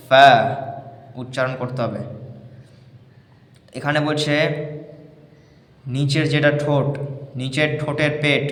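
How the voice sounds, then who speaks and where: Slow echoing man teaching pronunciation. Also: mid-range voice, a bit bright. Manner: repeats each sound several times, demonstrating. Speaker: Quran recitation teacher. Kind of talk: slow step-by-step pronunciation lesson. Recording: roomy echo with long reverb.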